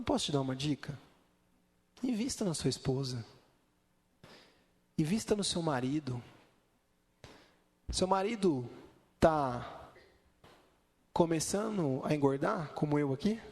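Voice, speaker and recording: A man preaches in a large church hall, his voice slightly high and carried by a long reverb. He tells stories with animation and acts out the people in them. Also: darkish tone. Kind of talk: sermon.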